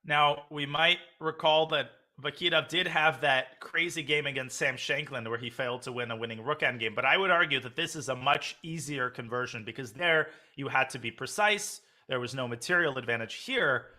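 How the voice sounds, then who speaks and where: Bright, forceful male chess commentator. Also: mid-range voice, normal speed, hardly any pauses. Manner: conversational, poses questions to co-commentator. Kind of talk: live chess tournament commentary.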